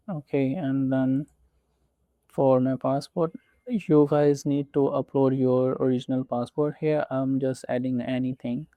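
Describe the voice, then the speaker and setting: A tutorial presenter, a man from Pakistan who is not a native English speaker, narrates a screen walkthrough with slow, methodical, step-by-step instructions. His voice is medium-pitched, and the recording is dry, narrow and tinny.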